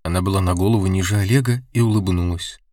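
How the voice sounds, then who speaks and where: A man narrating an audiobook in a steady, measured reading. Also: low voice, dry recording, clean studio sound. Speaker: audiobook reader. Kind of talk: scripted narration.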